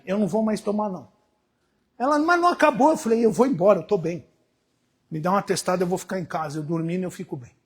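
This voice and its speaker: Husky high-voiced Brazilian preacher. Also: male voice. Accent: Brazilian Portuguese. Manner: swings from hushed storytelling to shouted exhortation. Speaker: pastor. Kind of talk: sermon.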